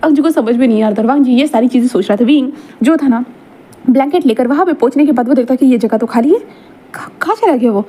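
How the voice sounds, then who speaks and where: Fast rambling woman storyteller. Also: high-pitched, mellow. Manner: rambling, repeats and self-corrects. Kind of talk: casual fanfiction narration.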